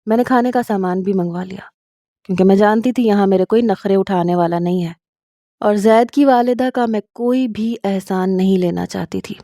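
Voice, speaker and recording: A woman narrating a first-person romantic story in a steady, earnest way. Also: medium pitch, no room sound, clean studio sound.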